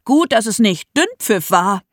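A woman's voice: medium pitch, sing-song, measured pace, no echo. A woman voicing a playful father who delivers a joke in a dry, matter-of-fact way. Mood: wry.

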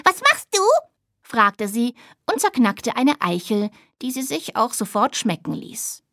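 A woman narrating a children's story with a gentle, deliberate reading manner. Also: a little high, animated, creaky, no room sound, studio quality.

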